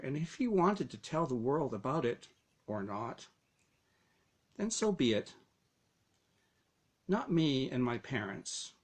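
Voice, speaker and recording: Speaking at a medium pitch, a man narrates a story he wrote in the first person. His phrasing is dramatic and deliberate.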